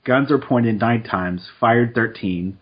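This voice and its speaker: A man co-hosting a podcast in casual chat, relaxed and quick with asides. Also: mid-range voice, husky, muffled recording. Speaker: podcast co-host. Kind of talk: casual chat, reading statistics aloud.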